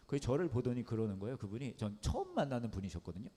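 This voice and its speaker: A man's voice: mid-range voice, very animated, very fast, dark tone, husky. A male pastor delivering a storytelling sermon, his voice rising and falling widely as he acts out the comedy of the tale. He piles up repeated words for effect. The sound carries the long reverb of a hall. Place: underground church hall.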